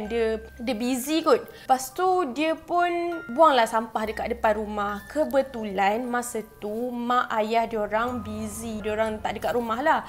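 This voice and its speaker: A woman with a Malaysian Malay accent, casually telling a ghost story to her viewers with chatty asides. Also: a little high. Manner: chatty, addresses viewers directly with frequent asides. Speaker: YouTuber telling ghost stories.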